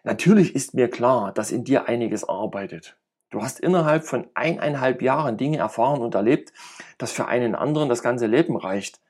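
A man's voice: lowish voice, a little mellow, slightly rough. A man reading aloud and voicing a jovial, talkative middle-aged friend who rambles and teases with cynical humor. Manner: rambling, playful banter.

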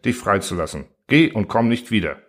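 A man's voice: on the low side, animated, a little fast. Man voicing a stern, helpless mayor.

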